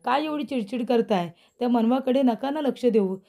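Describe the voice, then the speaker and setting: A gentle young wife in a serial drama pleads and soothes, as a woman narrator reads her. The voice is warm and fairly high. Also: normal speed, gravelly. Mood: pleading.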